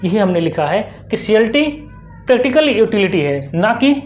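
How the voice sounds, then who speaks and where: A young woman with an Indian accent teaching an online exam-prep lesson, putting quick questions to the class and answering them herself, repeating the key terms. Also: medium pitch, very animated, a little mellow, a little hiss or hum. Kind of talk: explanatory online lecture.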